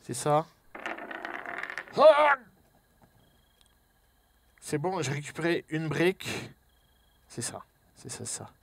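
Un homme à l'français qui commente en direct un jeu d'horreur, entre chuchotements tendus, cris et blagues. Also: male voice, a little high, lively intonation, measured pace, creaky, slightly rough. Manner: jokey, jumpy, swings from whispers to yelps. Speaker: let's play host. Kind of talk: horror game let's play commentary.

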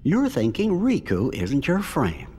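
Brief: game cutscene, a gentle cricket conscience, husky and hugely animated. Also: male voice, on the high side, unhurried, long reverb tail, exaggerated voice. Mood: reassuring. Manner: gentle, reassuring, folksy. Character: kindly little male cricket conscience. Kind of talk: video game cutscene dialogue.

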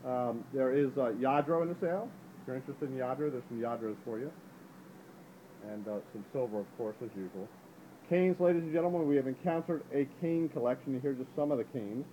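A chatty auctioneer with a mellow voice gives a brisk walk-through preview of items in an indoor antique gallery, his upbeat pitch peppered with "ladies and gentlemen". He speaks from behind a handheld camera whose mic captures low-quality audio with a little hiss or hum.

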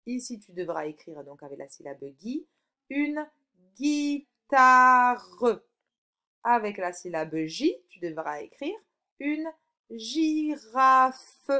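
A woman teacher giving a recorded phonics lesson to a young child, slowly stretching out example words and checking in with "d'accord?". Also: lowish voice, a little mellow. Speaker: primary school teacher.

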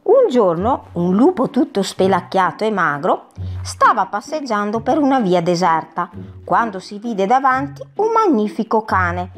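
A woman playing a kind, patient grandmother who tells a fable and teaches gently. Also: medium pitch, very animated, unhurried, soft background music. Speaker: storyteller. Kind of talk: web series doll sitcom acting.

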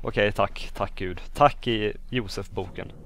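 Excitable young man commenting on a game. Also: lowish voice, background noise. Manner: excitable, talks to himself, pleading and exclaiming. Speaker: gaming video host. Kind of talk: casual let's-play commentary.

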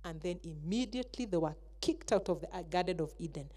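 A woman, a Sunday school teacher telling a Bible story to children in an animated way. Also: on the low side, quick pace. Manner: animated, acts out the characters.

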